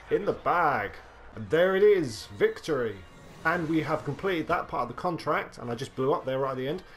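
A young man commentating on his own gameplay, excitable, talking to himself and swearing freely as he plays. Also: a little high. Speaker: gaming video host.

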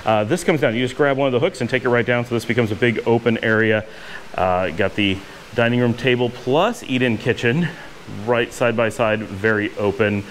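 A man in his forties films a walking house tour vlog, moving through indoor and outdoor rooms of a house with a courtyard pool and holding an action camera at arm's length. He is enthusiastic and rambling with lots of fillers, his voice medium-pitched at a moderate pace, with a little hiss or hum.

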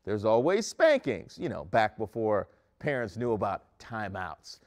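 A man's voice: lowish voice, big pitch swings, a little slow, a little mellow. A young man hosting a comedic news segment, joking with mock-outraged asides, recorded standing in a studio. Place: studio set in front of a screen.

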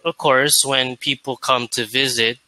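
An American man in his late twenties tutoring English on a video call, relaxed and laughing often. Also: medium pitch, unhurried, dry recording, rough recording. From United States. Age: 20s. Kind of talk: casual video call chat. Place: indoor room.

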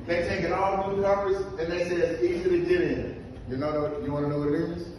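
A man's voice: high voice, level tone, a little fast, a little mellow. A man performing stand-up comedy at an open mic, bantering informally and profanely with the crowd. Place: indoor comedy club stage. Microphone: handheld stage mic, recorded from audience table. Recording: echoey club, distant phone, noisy room.

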